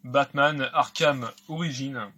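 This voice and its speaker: A man's voice: medium pitch, steady tone, slow pace, pushed and bright. A man casually talking through an unboxing of video games, chatty and hesitant with many fillers. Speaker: video game collector vlogger.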